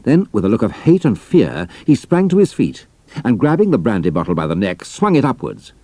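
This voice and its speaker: A man's voice: mid-range voice, huge pitch swings, a little fast, mellow. A man narrating an adventure story in a scripted, dramatic style.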